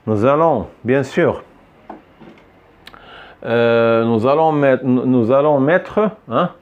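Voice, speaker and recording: A man's voice: mid-range voice, takes it slowly, narrow, tinny audio. A man teaching a French lesson in a classroom, patiently repeating phrases for his students to echo back. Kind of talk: classroom lesson with call-and-response drilling.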